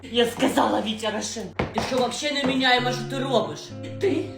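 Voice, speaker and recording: A woman's voice: a little high, brisk, gravelly, reverberant, far from the mic, over loud music. A woman voicing a fed-up pregnant young wife who scolds in an exasperated way. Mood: scolding.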